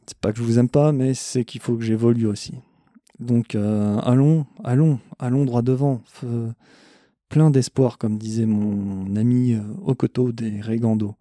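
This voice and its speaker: A man's voice: medium pitch, steady tone, unhurried, dark tone, dry recording, clean studio sound. A man hosting a metal podcast, answering questions in a blunt, irreverent, casual monologue and swearing freely.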